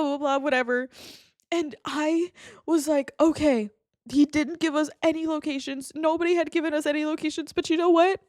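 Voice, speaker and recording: A young woman vents in a personal, emotional monologue with a very high voice. She sounds exasperated and repeats her phrases insistently. The recording is dry and free of echo.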